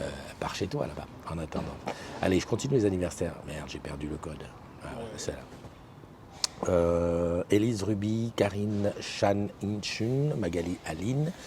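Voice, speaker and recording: A man with a very low voice hosts an easygoing live morning stream and chats to his viewers. He talks haltingly, with constant fillers and restarts. The recording is noisy, with passing vehicles clearly audible behind him. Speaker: morning show host. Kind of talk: casual live-stream chat, reading viewer comments. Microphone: desk microphone.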